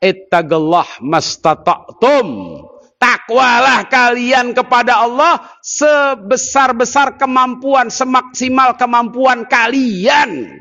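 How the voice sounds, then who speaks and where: A man giving a sermon, lively and teasing as he jokes with the audience. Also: very high-pitched, takes it slowly, vocal fry, in a large hall, lo-fi sound. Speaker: preacher.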